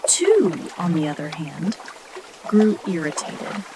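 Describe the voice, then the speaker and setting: A woman tells a sleep story in an ASMR whisper. Her delivery is very slow, yet the pitch moves about in a lively way. Clear night ambience with crickets sits behind her voice. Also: noisy background. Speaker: storyteller narrator.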